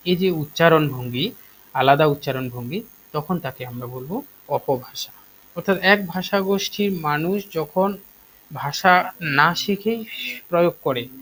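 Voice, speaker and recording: A man teaches an online lesson in a voice pitched a little high. He explains step by step, pausing on fillers and checking in with his students. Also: fairly bright tone, slight background noise, poor audio. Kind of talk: online class lecture.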